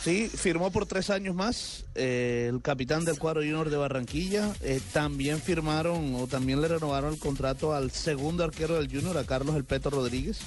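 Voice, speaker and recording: Colombian man with a slightly high voice. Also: normal speed, few pauses. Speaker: sports radio presenter. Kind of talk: informal sports news talk.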